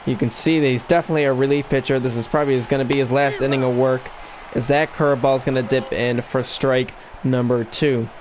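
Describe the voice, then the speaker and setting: A man with the hiccups narrates a baseball video game in a mock broadcaster voice, building excitement on the big plays. His pitch sits in an ordinary middle range. A faint hum of background noise lies under the recording. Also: fast talker. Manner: broadcaster-style play-by-play delivery, rising excitement on big plays. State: has the hiccups. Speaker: gaming YouTuber.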